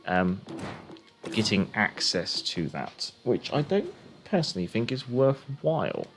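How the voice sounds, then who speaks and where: A man's voice: lowish voice, sing-song, a little slow, noisy background. A man streaming a game, chatting casually and thinking aloud as he gives live commentary.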